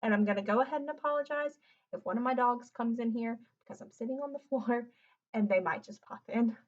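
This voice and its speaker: As a read-aloud host at home, this woman sits on the floor sharing a picture book, chatting between pages and explaining simply, as though to little kids. Her fairly high voice moves a little fast, and the sound is lo-fi.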